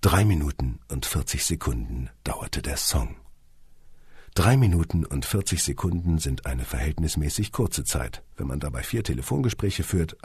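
A man's voice: extremely low pitch, a little mellow, husky, no room sound. A man reading an audiobook in a wry, dryly humorous way, sometimes speaking straight to the listener. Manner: wry, dry humour, speaks to the listener directly. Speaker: audiobook narrator. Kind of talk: scripted audiobook narration.

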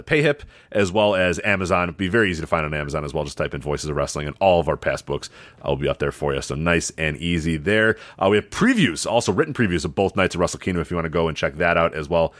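A man's voice: low-pitched, a bit bright, no room sound. A man co-hosting a podcast in casual banter, with an offhand, informal and sometimes sweary manner. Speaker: podcast co-host.

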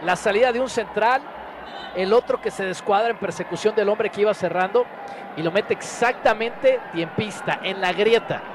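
Mexican guy cohost explaining the soccer play, highish voice, big noisy crowd behind him. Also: moderate pace. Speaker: football co-commentator, analyst. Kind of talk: analytical match commentary. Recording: noisy stadium broadcast with loud crowd. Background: loud crowd and stadium noise.

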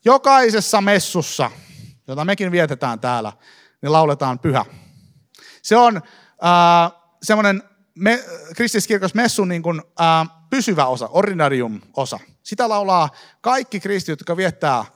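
High-voiced man preaching to a congregation. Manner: lively, fillers and restarts, addresses congregation directly. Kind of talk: live sermon teaching. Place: church hall with congregation.

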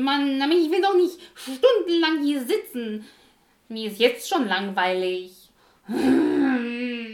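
An actress playing a lazy, selfish young stepsister who talks in a whiny, snappy way. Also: female voice, high-pitched, heavily acted. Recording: echoey room.

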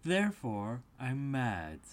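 A narrator's Cheshire Cat, slow teasing storybook creature. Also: medium pitch, very animated, pitched above the performer's own voice. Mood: playful logic. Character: Cheshire Cat, good-natured mad grinning male talking cat. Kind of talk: storybook character reading.

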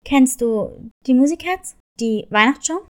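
A woman voicing a grumpy, suspicious male wolf in a children's story, speaking gruffly and loudly. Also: sits high, animated, unhurried, voice pushed down. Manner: gruff, growling, gets loud. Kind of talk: storybook reading.

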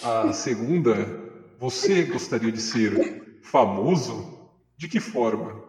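A man puts on a disguised deep voice to read a question, drawn out slowly. It sounds roomy, with a long reverb trailing after each phrase. The delivery is mock-solemn. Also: expressive, darkish tone. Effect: disguised deep voice, put on to read a question. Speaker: podcast host. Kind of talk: casual podcast chat.

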